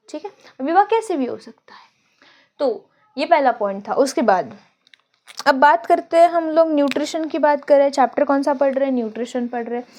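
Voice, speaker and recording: A young woman teaching a biology lesson in a casual, joking way, thinking aloud and dictating notes slowly, from India. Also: high voice, warm tone. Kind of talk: casual Hinglish classroom lecture.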